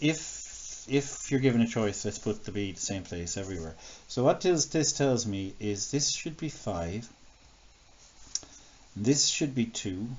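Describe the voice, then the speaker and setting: A man's voice: fairly low pitch, a little mellow. A man teaching a recorded maths lesson, thinking aloud as he works examples and often correcting himself. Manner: thinks aloud, many fillers and self-corrections. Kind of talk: recorded classroom lesson, working examples on screen. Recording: dull lo-fi screen recording with faint noise.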